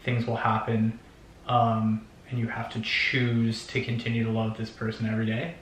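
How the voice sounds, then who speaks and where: A man in his twenties from Oregon, chatting casually in a Q&A vlog, relaxed and hesitant with many ums. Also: fairly low pitch, moderate pace, echoey room, a little hiss or hum. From Oregon, United States. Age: 20s. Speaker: vlogger, youth missions worker. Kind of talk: casual Q&A chat.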